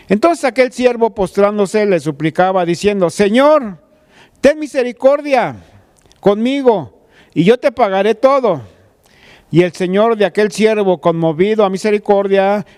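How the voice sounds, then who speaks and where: This sermon comes from a pastor with a high-pitched voice that is darkish and clean in tone. He retells a scripture story casually and talks right to his listener, calling them "tú."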